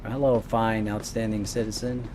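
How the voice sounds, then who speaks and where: A man's voice: fairly low pitch, flat delivery, normal speed, noisy background. A man giving casual let's-play commentary as the host of a gaming video, with game ambience behind him.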